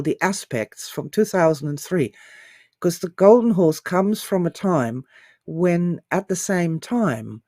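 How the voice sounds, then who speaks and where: A middle-aged woman, an author and teacher, gives an informal, enthusiastic talk, gushing and repeating phrases for emphasis. Her voice is low and warm, recorded cleanly in a studio with no echo.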